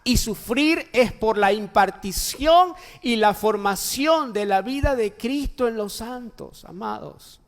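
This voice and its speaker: High-voiced pastor preaching in a reverberant church. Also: male voice, lively intonation, takes it slowly, few pauses. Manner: emphatic, with repeated phrases and rhetorical questions. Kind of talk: sermon. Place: church sanctuary. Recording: long church-hall reverb.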